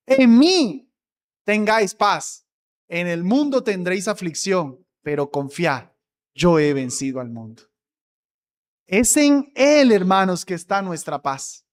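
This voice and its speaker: Male pastor preaching real slow, leans hard on key words. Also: high voice. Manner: emphatic, stretches key words, repeats for emphasis. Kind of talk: sermon.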